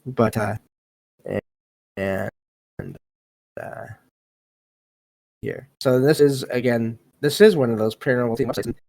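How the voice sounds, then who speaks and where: A man co-hosting a casual chat over a remote call, talking haltingly with many pauses as his voice cuts in and out at an uneven volume. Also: medium pitch, very animated, vocal fry, darkish tone, no echo. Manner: halting, many ums and restarts. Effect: voice cutting in and out, uneven volume. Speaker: podcast co-host.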